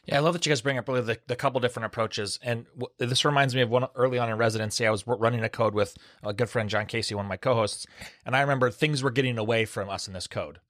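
A man's voice: medium pitch, fairly even intonation, a bit bright, no room sound, studio quality. A man hosting a medical panel discussion, an emergency physician who asks questions and sums up his guests' answers. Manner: quick, conversational, asks questions and sums up the others. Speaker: podcast host and emergency physician.

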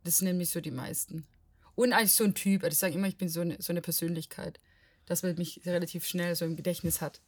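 Chatty, lively Portuguese-born woman. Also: lowish voice, quick pace, no echo. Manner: lively, talkative, laughs often. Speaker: podcast guest. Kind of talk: casual chat.

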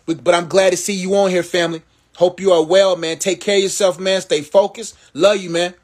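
A man preaching and motivating viewers in a live social media Q&A, talking to them like family in a rhythmic, sermon-like way. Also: high-pitched.

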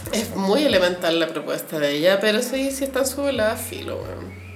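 A woman's voice: mid-range voice, sing-song, a little fast, a little hiss or hum. Chilean woman, gossip co-host, slangy and laughing, roomy echo. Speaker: podcast co-host. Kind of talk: casual gossip chat.

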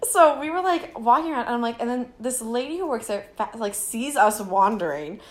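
A woman's voice: on the high side, brisk, a crowd in the background. Giggly young woman telling a story. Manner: giggly, animated, acts out voices in her stories. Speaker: podcast co-host. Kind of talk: casual chat, storytelling.

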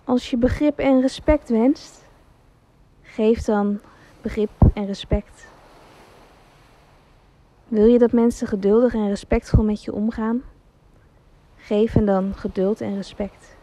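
Slow high-voiced woman storyteller. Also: steady tone, warm tone. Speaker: narrator. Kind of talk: scripted storytelling.

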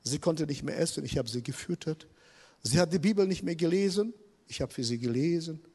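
A man's voice: on the high side, lively intonation, fairly quick, mellow, breathy edge. A man preaching a sermon in a church hall, emphatic and repeating his key words. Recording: long reverb of a large hall.

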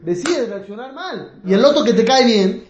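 A man's voice: very high-pitched, expressive, normal speed, highs cut off. A man, a rabbi giving a class who asks his listeners questions and acts out the people in his stories with humor. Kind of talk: Torah class lecture. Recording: echoey room.

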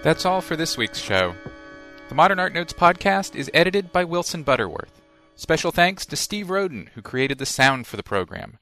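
A man reading the closing credits of a podcast in an even, scripted way. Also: fairly high pitch, normal speed, soft background music. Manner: even, read-out delivery. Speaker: show announcer. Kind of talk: scripted outro.

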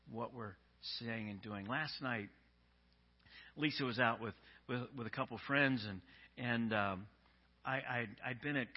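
A man's voice: mid-range voice, slightly rough, muffled recording. A male pastor giving a sermon, telling stories conversationally with frequent restarts. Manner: conversational storytelling with many restarts.

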